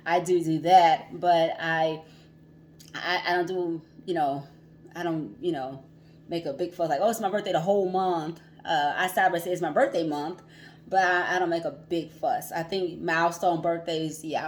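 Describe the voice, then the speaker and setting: A woman's voice: lowish voice, darkish tone. A woman hosting a casual livestream as a financial coach, chatty, laughing often and repeating herself.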